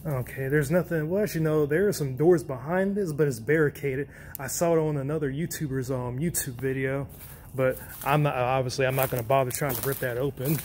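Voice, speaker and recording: A man's voice: medium pitch, steady tone, fairly quick, a little mellow, slight background noise. A man vlogging as he explores an abandoned hospital, muttering casually to himself and swearing now and then. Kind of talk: exploring narration to camera.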